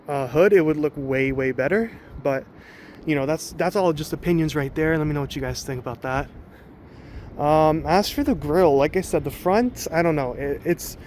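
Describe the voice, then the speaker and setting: Slightly high-voiced man rambling about a car. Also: slight background noise. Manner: rambling, loose, many fillers. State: a bit out of breath. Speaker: car vlogger. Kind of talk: casual car walkaround.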